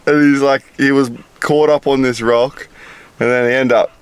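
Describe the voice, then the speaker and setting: A man's voice: mid-range voice, steady tone, normal speed, clean tone. An Australian man casually telling camping stories outdoors, laughing often and swearing freely. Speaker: vlogger. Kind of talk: casual chat. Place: outdoors at a campsite.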